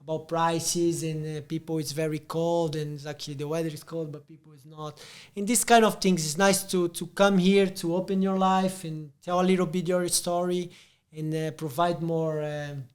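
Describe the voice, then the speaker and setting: A man's voice: on the high side, fairly even intonation, normal speed. A Brazilian man with a Portuguese accent, hosting a casual interview and rambling through his questions with restarts. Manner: rambling, frequent restarts and fillers. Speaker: podcast host.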